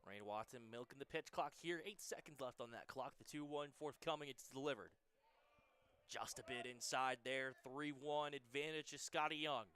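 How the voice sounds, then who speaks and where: A young man in his twenties calling a college baseball game live on radio, giving brisk pitch-by-pitch calls that lift on big plays. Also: pushed and bright, clean tone. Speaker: play-by-play announcer.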